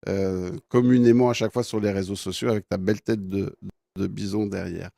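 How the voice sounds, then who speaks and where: A man hosting an interview, introducing his guest slowly with many hesitations. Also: low voice, steady tone, gravelly, warm tone, no echo, studio quality. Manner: hesitant, many fillers and restarts. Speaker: interview host.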